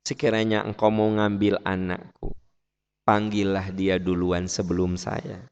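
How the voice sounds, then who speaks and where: A man voicing a humble, devoted father who speaks softly and earnestly. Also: low-pitched, little pitch movement, a little slow, smooth, lo-fi sound, pitched below the performer's own voice. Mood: earnest, pleading. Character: humble devoted middle-aged father, quietly pleading. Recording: long mosque hall reverb.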